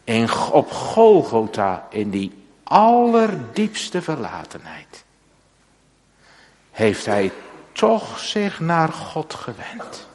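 A man preaching a sermon to his congregation in a slow, solemn way, with long pauses and repeated phrases. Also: a little high, wildly swooping pitch, darkish tone. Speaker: pastor. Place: church. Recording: church hall with long reverb.

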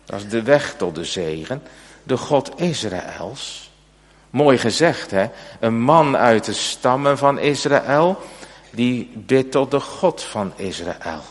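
A man's voice: medium pitch, lively intonation, slow. A man preaching an earnest, emphatic sermon in a church. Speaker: pastor. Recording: church hall reverb.

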